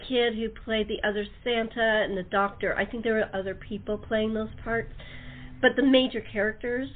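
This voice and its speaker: A slightly high, steady voice at normal speed belongs to a woman who hosts a talk show and produces radio plays. Heard over thin, narrow phone-line audio, she chats casually and enthusiastically.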